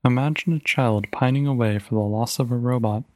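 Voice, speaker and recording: A man's voice: mid-range voice, fairly quick, dry recording, natural voice. A man voicing a stern, determined mother, reading her lines firmly and insistently in a storybook reading. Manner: firm, clipped and insistent.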